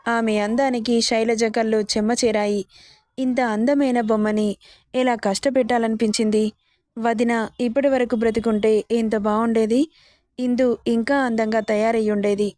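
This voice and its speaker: A woman narrates a romance story in a steady, plain reading voice. Her voice sits somewhat high and the sound is dry and close, with no room echo. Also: normal speed.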